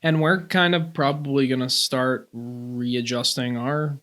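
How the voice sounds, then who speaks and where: A man's voice: mid-range voice, fairly even intonation, a little slow, fairly bright tone. An American man co-hosting a podcast, chatting casually and with a joking manner. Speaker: podcast co-host. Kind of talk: casual chat.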